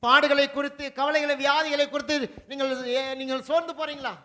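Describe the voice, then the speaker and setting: A male pastor preaching a sermon, swinging between loud declarations and low asides, with repeated rhetorical questions to the congregation. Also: little pitch movement, a little fast. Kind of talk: Tamil sermon.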